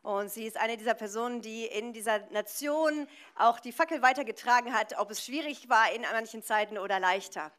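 A woman's voice: on the high side, fairly quick, a bit bright. A woman interpreting a preacher live, phrase by phrase, in a consecutive style.

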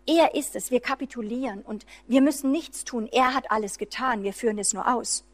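Fervent high-voiced woman preaching. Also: a little fast. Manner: fervent, swings between loud emphasis and hushed low lines; frequent restarts and fillers while preaching freely. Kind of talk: charismatic sermon.

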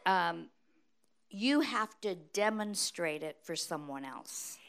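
A middle-aged American woman preaching at a conference in short, deliberate phrases, pausing for an interpreter. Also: fairly low pitch, lively intonation, vocal fry, a bit bright, clean tone. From United States. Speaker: guest preacher.

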